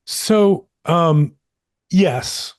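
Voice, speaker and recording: A man with a fairly high voice coaches real estate agents on a group video call. He talks in an animated, encouraging way, dropping in self-deprecating jokes. The sound is that of a call microphone. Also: extremely slow. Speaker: probate coach hosting a live call.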